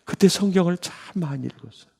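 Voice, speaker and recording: A man in his sixties, a pastor, telling his testimony in a sermon with emotional storytelling that jumps into high bursts. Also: fast, creaky, a little mellow, husky. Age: 60s. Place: church sanctuary.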